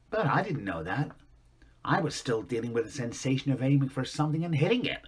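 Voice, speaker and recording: An actor playing a grown man recalling a harsh father in a quiet, reflective monologue. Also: mid-range voice, slightly rough. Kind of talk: dramatic monologue.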